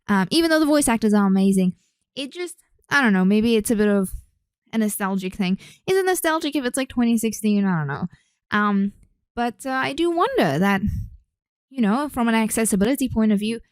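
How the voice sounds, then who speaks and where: A young Australian woman who works as a speech therapist hosts a casual solo podcast. She's chatty and rambling, full of fillers and self-corrections, with a mid-range, darkish voice and no room sound.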